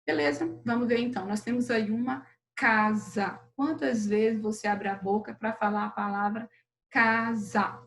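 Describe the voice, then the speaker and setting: A woman teacher with a Brazilian Portuguese accent giving a lesson to children, patient and slow over syllables, often checking in with the class. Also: mid-range voice, fairly even intonation, slight background noise, low-quality recording. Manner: patient, drawn-out syllables, frequent "beleza?" checks. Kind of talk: recorded remote lesson for children.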